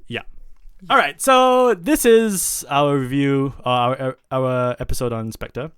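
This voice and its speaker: Smooth-voiced podcast host. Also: male voice, medium pitch, slow pace, a bit bright, no room sound. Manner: rambling, with many fillers and self-corrections. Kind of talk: casual podcast chat.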